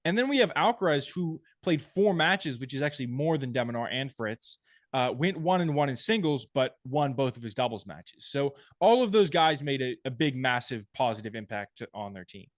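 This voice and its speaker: A man co-hosting a tennis podcast, giving measured opinions and restarting phrases as he thinks aloud. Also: mid-range voice, expressive, no echo, studio quality. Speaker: podcast co-host. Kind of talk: casual sports chat.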